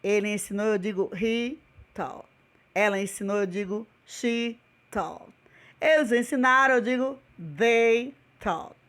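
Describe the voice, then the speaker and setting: This English teacher has a Brazilian Portuguese accent and a fairly high, fairly bright voice with fairly even intonation and an unhurried pace. Teaching remotely by video, she patiently goes over each word again and quizzes the class.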